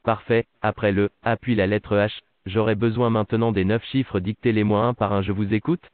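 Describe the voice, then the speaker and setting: A man's voice: lowish voice, level tone, normal speed, dry recording. A synthetic male voice playing an automated customer service voicebot that speaks polite, formulaic prompts over a phone line. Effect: synthetic text-to-speech voice. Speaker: virtual customer service agent. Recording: tinny dry phone line.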